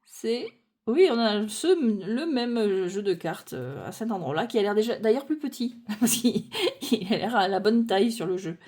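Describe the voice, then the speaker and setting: A French-speaking woman goes through a tarot deck one card at a time, relaxed and thinking out loud, with lots of fillers and restarts. Her voice sits at medium pitch with a dark tone and wide swings in pitch. She takes her time, often correcting herself mid-thought.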